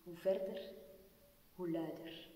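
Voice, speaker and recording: Slow expressive woman storyteller. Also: on the low side. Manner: slow, expressive, drops to near-whisper. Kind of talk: live storytelling performance. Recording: far-off voice in a reverberant hall.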